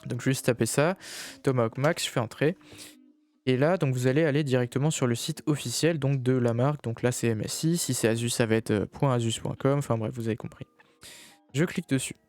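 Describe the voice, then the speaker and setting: A man walks viewers through computer steps in a loose, conversational way, often pausing on filler sounds. His pitch sits in an ordinary middle range, and soft music plays faintly underneath. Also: no echo. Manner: relaxed, chatty, many filler hesitations. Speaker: PC hardware tutorial host. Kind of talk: casual screen-recorded tutorial.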